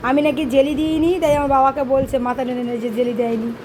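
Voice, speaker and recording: A woman's voice: high-pitched, fairly even intonation, racing, background noise. A young woman, chatting to viewers at home in a casual vlog and scolding her child. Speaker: vlogger. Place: home, indoors.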